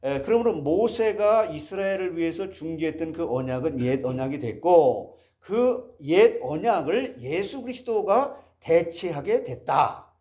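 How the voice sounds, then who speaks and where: A man's voice: on the high side, a little mellow, highs cut off. A man preaching a sermon as pastor, asking the congregation rhetorical questions as he explains a passage.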